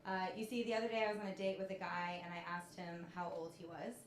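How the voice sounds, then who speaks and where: A woman in her thirties doing a stand-up comedy set, telling stories in a deadpan way. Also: on the low side, fast talker, slight background noise. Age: 30s. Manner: deadpan storytelling with punchlines. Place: comedy club stage with laughing audience. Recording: echoey club room.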